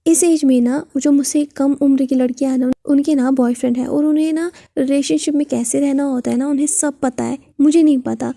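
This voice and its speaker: A woman voicing a shy, innocent eighteen-year-old girl who speaks hesitantly, with many pauses. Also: sits high, fairly even intonation, vocal fry, warm tone, dry recording, studio quality. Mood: shy pleading.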